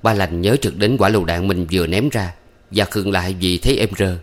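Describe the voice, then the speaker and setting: A man narrating a story in a steady, measured way. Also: sits low.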